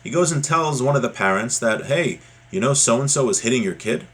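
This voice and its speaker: A man with a medium-pitched, fairly bright voice talks in an animated, fairly quick way. He's a teacher giving an informal religious lesson, reading a text aloud and then explaining it conversationally, checking in with "right?" as he goes.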